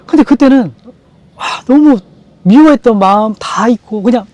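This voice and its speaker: A man giving an emotional personal testimony in an interview, earnest and halting, often restarting his sentences. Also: very high-pitched, a little mellow, dry recording, lo-fi sound. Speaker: franchise store owner.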